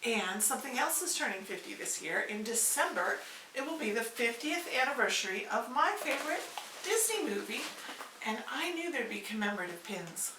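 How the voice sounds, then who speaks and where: A woman's voice: fairly high pitch, sing-song, normal speed, background noise. A woman in her fifties chatting in a casual home vlog, gushing and playful as she shows off her collectibles. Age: 50s. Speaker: vlog host showing collectibles. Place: home room. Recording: echoey room, mic at a distance.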